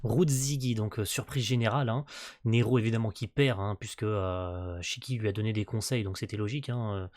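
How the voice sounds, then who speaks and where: A man's voice: on the low side, steady tone, a little fast, darkish tone. A man hosting a casual manga reaction, rambling and tired late in the evening, with many fillers and stumbles. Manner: rambling, full of fillers and tag words; stumbles over words and restarts. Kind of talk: casual live reaction commentary.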